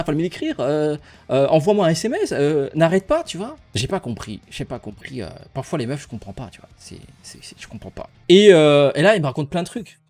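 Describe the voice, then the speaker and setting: A man's voice: a little high, darkish tone. A young man casually telling a personal story to his viewers, rambling and playful, laughing often as he goes.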